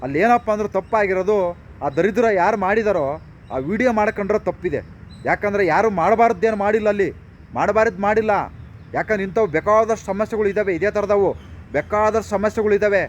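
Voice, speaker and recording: Male commentator, rapid-fire rhetorical ranting, raised pitch, faint street traffic behind. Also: muffled recording. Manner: rhetorical questions, repeated phrases. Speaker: political commentator. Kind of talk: impassioned monologue.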